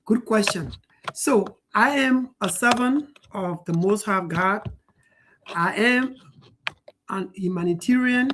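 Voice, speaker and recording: A man in his forties answering interview questions in an earnest, measured way. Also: sits high, fairly bright tone, slight background noise. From Liberia. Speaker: guest financial educator.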